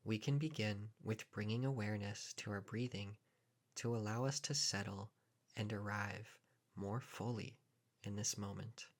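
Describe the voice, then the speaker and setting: Speaking in a fairly low voice, a man guides listeners through a meditation. He stays calm and deliberate, letting long pauses fall between short phrases.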